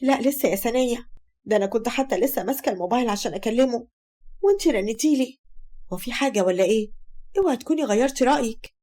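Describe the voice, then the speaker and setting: A woman's voice: fairly high pitch, lively intonation, very fast, warm tone. A woman with an Egyptian accent voicing a nervous go-between who speaks hesitantly. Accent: Egyptian Arabic.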